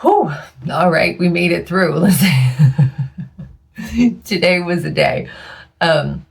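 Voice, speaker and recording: A woman's voice: lowish voice, fairly even intonation, takes it slowly, vocal fry. A woman hosting her own podcast in a casual monologue, chatty and tired, laughing often and losing her voice. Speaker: podcast host.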